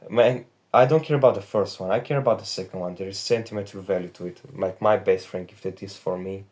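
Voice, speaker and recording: A man's voice: deep voice, fairly quick, a little mellow. An 18-year-old man from Romania with a Romanian accent, talking in a candid, rambling and profane confessional vlog from his bedroom into a phone camera. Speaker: trading vlogger. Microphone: phone back camera.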